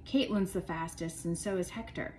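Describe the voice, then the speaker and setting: A woman's voice: fairly low pitch, moderate pace, darkish tone, a little hiss or hum, close to an everyday voice. A woman voicing a fair-minded fourth-grade boy who speaks earnestly and insists on fairness.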